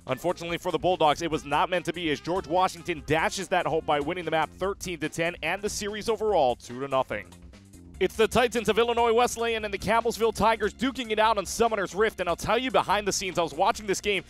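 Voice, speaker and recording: A man with a fairly high voice hosts an esports highlights recap. He moves through the matches in a brisk, upbeat way and adds playful asides. Soft music runs under him. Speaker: host.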